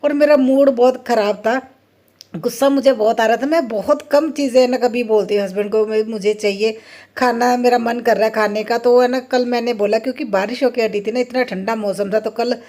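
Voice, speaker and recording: A woman's voice: on the high side, fairly even intonation, a little fast, dark tone. Chatty middle-aged woman. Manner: chatty storyteller, often laughing, playfully indignant. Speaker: family vlogger. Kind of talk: casual vlog chat.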